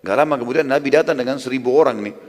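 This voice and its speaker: Brief: animated male preacher narrating and explaining, medium pitch, long reverb. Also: very fast, slight background noise. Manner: animated, explanatory, addresses listeners as friends. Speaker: preacher, storyteller. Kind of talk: religious storytelling lecture.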